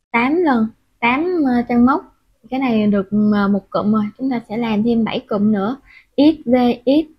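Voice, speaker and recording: A woman with a breathy, somewhat high voice guides viewers through a crochet project one stitch at a time. She counts stitches aloud and pauses on filler sounds while she works. The recording sounds muffled and lo-fi. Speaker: crochet instructor. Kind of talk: step-by-step crochet tutorial. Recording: dull, muffled lo-fi audio.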